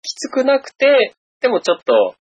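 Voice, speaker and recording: A man's voice: very high voice, wildly swooping pitch, moderate pace, slightly rough, dry recording, lo-fi sound. A man from Hokkaido, a podcast host, chatting easily and laughing often. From Hokkaido, Japan. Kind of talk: casual chat.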